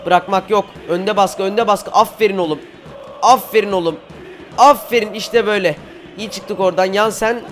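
A teenage boy from Turkey giving excited football game commentary, cheering on his players and shouting at missed chances. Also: sits high, moderate pace, a little hiss or hum. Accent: Turkish. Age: teens. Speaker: gaming YouTuber.

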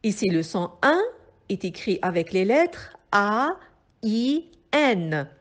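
A woman teacher with a Moroccan French accent giving a slow phonics lesson to young pupils, carefully articulating and repeating each sound. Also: mid-range voice, sing-song. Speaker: primary school teacher.

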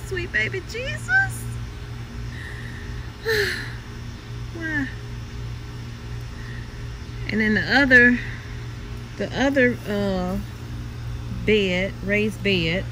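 A woman films her backyard garden on a phone, talking at an unhurried pace with chatty, exclamatory asides to viewers. Music plays clearly behind her outdoors. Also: on the high side, very animated, poor audio. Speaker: home gardener vlogger. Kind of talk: casual garden walk-through.

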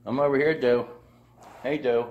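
A man's voice: medium pitch, steady tone, normal speed, narrow, tinny audio, slight background noise. Laid-back plainspoken man. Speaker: homesteading vlogger. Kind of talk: casual rambling chat.

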